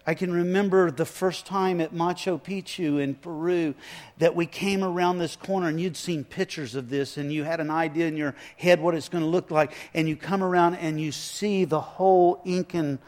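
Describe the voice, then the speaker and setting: A man preaching a sermon in a slow, emphatic way, dropping his voice low for effect, with chatty asides and restarts. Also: fairly even intonation, darkish tone. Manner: slow, emphatic delivery with dramatic drops in volume; conversational asides and repeated restarts. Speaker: pastor.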